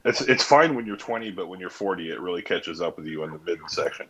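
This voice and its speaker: A man's voice: low voice, expressive, fast, a bit bright, rough recording. A man in a casual voice-chat discussion, speaking with dry, wry humor. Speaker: participant.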